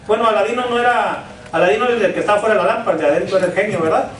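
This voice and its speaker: A man's voice: high-pitched, very fast, a bit bright. A man, a pastor preaching a sermon with repeated rhetorical questions and call-and-response. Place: church sanctuary. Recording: echoey church from far off.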